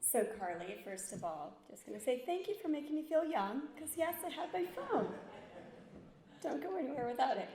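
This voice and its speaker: A woman giving an informal, self-deprecating acceptance speech with hesitant pauses. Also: sits high, sing-song, dark tone. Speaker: award honoree, former team member. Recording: echoey hall, faint noise.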